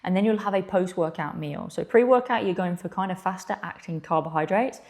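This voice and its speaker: Coaching straight to the listener, this physiotherapist and clinical mentor teaches bluntly and emphatically, firing off pointed rhetorical questions. She speaks a little fast in a slightly low, a little mellow voice, within an echoey indoor room.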